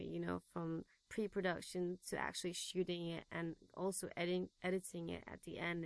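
A young woman from Taiwan, a guest filmmaker in a casual interview, relaxed and quick to laugh. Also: lowish voice, vocal fry, no echo.

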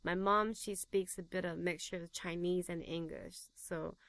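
A young woman from Taiwan, a guest filmmaker in a casual interview, relaxed and quick to laugh. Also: fairly low pitch, no room sound.

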